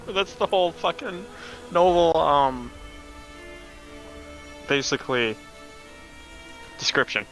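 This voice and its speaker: A man's voice: on the high side, lively intonation, slow pace, long pauses, a bit bright, soft background music, rough recording. A man running an online tabletop game as game master, talking loosely and swearing casually over voice chat.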